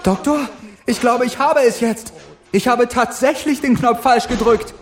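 A man's voice: unhurried, faint music behind. A man voicing a frantic young woman companion. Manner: high, strained, urgent.

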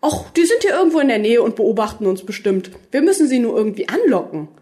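A woman reading the lines of a quirky, excitable male alien time traveller in a storybook. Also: fairly high pitch, fast. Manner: excitable, rambling, lively.

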